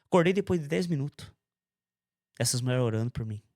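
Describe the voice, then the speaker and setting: Recorded at studio quality with no echo, this man speaks at a medium pitch and a slightly quick pace. He recounts his testimony in a conversational interview with intense, animated storytelling, imitating others' words.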